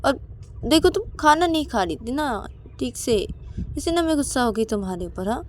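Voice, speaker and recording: A woman's voice: high-pitched, lively intonation, normal speed, a little hiss or hum, voice pushed up. Woman doing a nagging, scolding young woman. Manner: nagging, ends lines with questioning "haan?".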